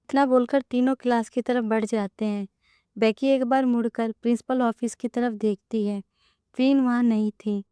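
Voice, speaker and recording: A woman narrating a romance story in an even, storytelling way. Her voice is slightly high yet mellow, smooth and clean. It is recorded close and dry. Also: moderate pace, no echo.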